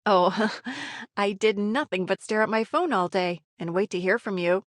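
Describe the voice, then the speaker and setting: A woman's voice: mid-range voice, moderate pace, no room sound, studio quality, close to an everyday voice. A woman playing a wry, affectionate novelist heroine in a story game, with a playful conversational manner. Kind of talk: scripted game story dialogue.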